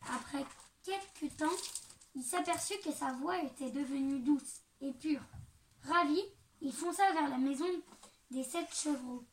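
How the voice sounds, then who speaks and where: A woman reading a fairy tale aloud slowly and deliberately, recorded some distance from the mic. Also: high-pitched, slight background noise. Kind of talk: storybook narration.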